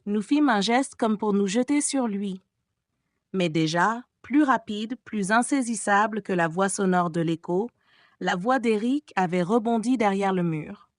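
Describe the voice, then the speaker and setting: A woman narrating a classic gothic novel as an audiobook, with expressive storytelling. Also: mid-range voice, a little slow, no echo, clean studio sound. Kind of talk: scripted narration.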